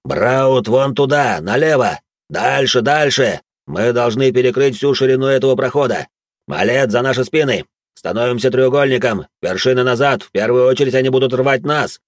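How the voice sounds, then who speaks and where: A man's voice: fairly low pitch, moderate pace, no room sound, clean studio sound, natural voice. A man voicing a mocking, battle-hardened old man in an audiobook who sneers and barks orders. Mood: commanding. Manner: gruff, sneering, barks commands.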